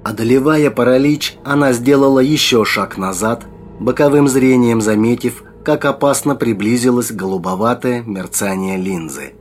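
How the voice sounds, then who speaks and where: A man narrating a dark fantasy audiobook in a measured storytelling manner, with faint music behind him. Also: mid-range voice, slight background noise.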